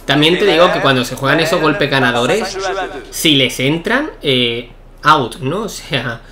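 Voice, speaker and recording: A young man giving excitable live commentary while playing a tennis video game, shouting at key points. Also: a little high, unhurried, over a noisy crowd. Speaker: gaming YouTuber.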